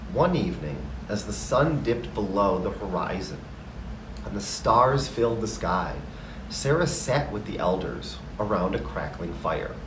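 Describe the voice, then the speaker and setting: A man tells a story in a calm, gentle, measured way, his voice fairly low. He sits a long way from the microphone, with clear background noise around the narration. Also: echoey room, recorded from a distance. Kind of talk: slow scripted storytelling narration.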